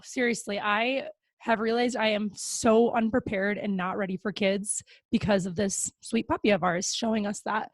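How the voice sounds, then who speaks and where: A woman's voice: mid-range voice, dry recording. A young adult woman hosting a podcast in casual chat, upbeat and talkative with plenty of fillers. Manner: upbeat and chatty, with frequent fillers. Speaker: podcast host. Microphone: close podcast mic.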